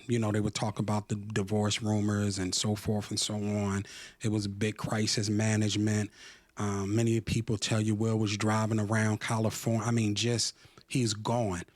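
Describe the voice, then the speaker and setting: Low-voiced man recounting a story. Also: no echo. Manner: measured, gossipy retelling with fillers. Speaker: interview guest telling a story. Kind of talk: conversational storytelling.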